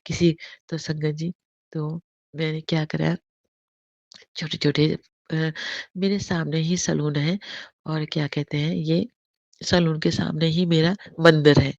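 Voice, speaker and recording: Gravelly, hoarse woman in her fifties. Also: low-pitched, dry recording, muffled recording. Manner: repeats thanks, frequent restarts and apologies. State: hoarse with a cold. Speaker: devotee sharing a testimony. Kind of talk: devotional testimony, rambling and heartfelt.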